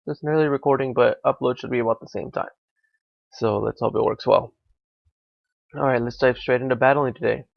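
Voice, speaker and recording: A young gaming commentator, his medium-pitched voice raspy, gravelly, and slightly hoarse from illness, thinks aloud during live competitive game commentary, full of ums and uhs. The sound is dull and lo-fi, dry, with no echo.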